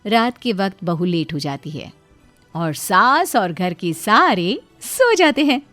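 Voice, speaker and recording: A woman narrating an animated family story in a plain, matter-of-fact way. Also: mid-range voice, slow pace, soft background music.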